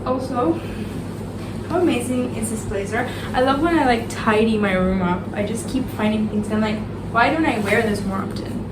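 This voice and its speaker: Speaking at a normal pace in a slightly high voice, a twenty-something vlogger from Argentina chats in a tired, rambling way. Spanish is her first language and she has an Argentine accent. The background is noisy, with music playing.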